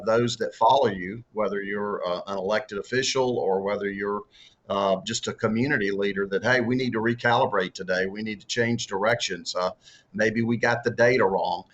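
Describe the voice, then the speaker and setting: This author and former political candidate, a middle-aged Deep South man with a strong Southern accent, speaks in a fairly low, steady voice at normal speed, a bit bright. Answering interview questions on faith and leadership, he stumbles and repeats words, filling gaps with many fillers.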